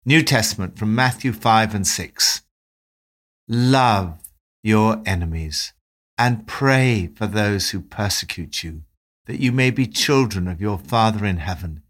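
A man giving a devotional talk, reading Bible passages and reflecting on them in a calm, measured way. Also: on the low side. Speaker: devotional presenter.

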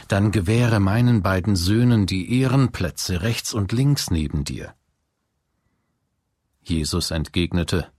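A man reading scripture aloud in a slow, solemn way. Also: low-pitched, husky, no echo, studio quality. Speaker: scripture reader.

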